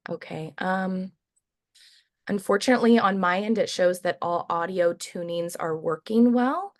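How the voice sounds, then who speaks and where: A woman college instructor on a video call, her audio choppy and dipping in and out in volume. She sounds friendly and reassuring, with a slightly low, creak-free voice, and she is getting over being sick. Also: unhurried, no room sound, studio quality. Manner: friendly, reassuring, many fillers. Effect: choppy audio with uneven volume, cutting out. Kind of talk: live online class welcome, casual. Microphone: computer mic on a video call.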